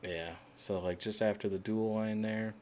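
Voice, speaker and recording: A man streaming a game, chatting casually with other players in a relaxed, hesitant way with many fillers. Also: lowish voice, normal speed, crowd noise. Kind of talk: casual voice chat while playing.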